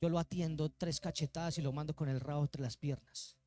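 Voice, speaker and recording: A preacher doing a sneering enemy. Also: male voice, a little high, steady tone, a little fast, dark tone, voice pushed down, lightly acted. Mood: mocking. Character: mocking male enemy taunting a believer.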